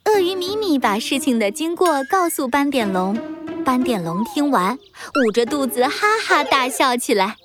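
A woman storyteller narrates for children in a high voice with animated, swooping intonation. Music plays behind her. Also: normal speed.

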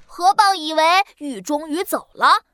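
A woman narrating a children's story in a gentle, expressive way. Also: high-pitched, a little hiss or hum. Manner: gentle, expressive, slow-paced.

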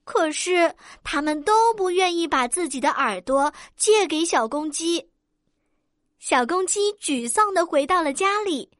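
Gentle woman reading a children's story. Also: very high voice, unhurried, no room sound, clean studio sound. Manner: gentle, clear and expressive, addressing children.

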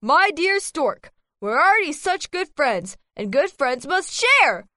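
A greedy, scheming fox in a children's storybook, all flattery and sweet talk, acted by a woman. The voice is high and bright, leaping up and down. The sound is close and dry. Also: slow, dry recording, exaggerated voice. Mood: fawning. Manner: sweet-talking, wheedling, chuckling to himself. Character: greedy sly male fox, scheming and fawning. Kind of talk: storybook character reading.

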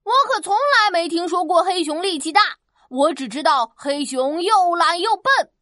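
A woman's voice: sits high, very animated, moderate pace, a bit bright, dry recording, studio quality. A woman voicing a clever little farm boy in a children's story, cheeky and full of sly plans. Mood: plucky. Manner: cheeky, scheming.

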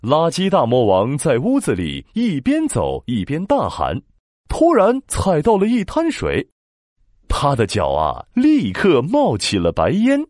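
A man narrating a children's story in a dramatic, expressive storytelling manner. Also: a little high, a little slow, no echo, studio quality. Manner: dramatic, expressive, with sound-word emphasis.

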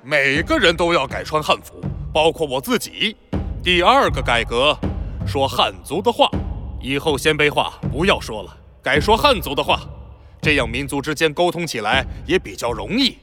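A man's voice: on the high side, sing-song, moderate pace, music in the background. A man playing an earnest, decisive reforming emperor, theatrical and proclaiming, in a children's audio drama. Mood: firm proclaiming.

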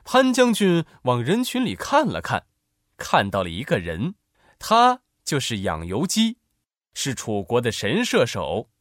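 A man narrating a children's story in an expressive, animated way. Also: mid-range voice, unhurried, dry recording, clean studio sound.

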